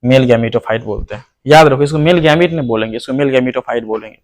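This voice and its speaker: Fast and mid-range, this man's voice leads an online biology lecture. He refers to the viewer as "hero," throws out questions he then answers himself, and repeats the key terms.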